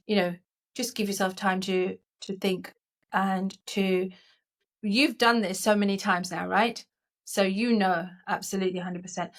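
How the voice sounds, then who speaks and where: A woman co-hosting a coaching podcast, explaining ideas earnestly in a relaxed conversational way, often restarting her sentences. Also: medium pitch.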